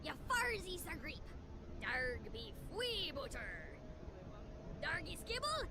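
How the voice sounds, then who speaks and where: A woman's voice: high voice, wildly swooping pitch, slow pace, reverberant, background noise, heavily acted. A woman voicing a female video game sim who chatters sing-song gibberish. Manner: sing-song nonsense chatter, pirate growls.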